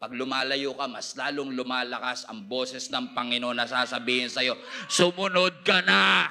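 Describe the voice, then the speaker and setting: A man preaching a sermon as pastor, animated and humorous, moving between soft asides and loud cries. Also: medium pitch, normal speed, slight background noise. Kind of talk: live church sermon. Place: church service before a congregation.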